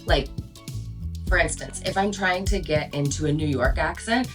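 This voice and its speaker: A woman with a low voice, who coaches voice-over and hosts a show, chats casually in an instructional video. She speaks at a moderate pace in a chatty, emphatic way, with soft music in the background.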